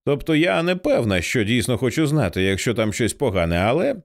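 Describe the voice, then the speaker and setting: A man reading aloud, voicing an anxious young woman passenger who asks halting, worried questions. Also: medium pitch, big pitch swings.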